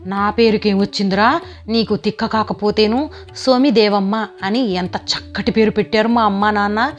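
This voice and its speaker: A woman voicing a sharp-tongued, stubborn old grandmother, scolding and teasing in a raised pitch. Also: steady tone, normal speed, dull audio, lightly acted. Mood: bossy.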